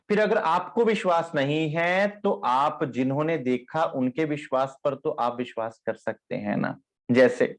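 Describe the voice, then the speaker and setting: A man giving a devotional discourse on scripture, speaking tenderly to his listeners and chanting verse lines slowly. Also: fairly high pitch. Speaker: spiritual teacher.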